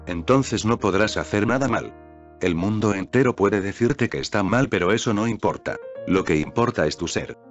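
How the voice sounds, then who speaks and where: A man reads a spiritual text aloud in a calm, measured way, his voice sitting a little low. The recording is dull and lo-fi. Soft music plays faintly underneath. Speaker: narrator.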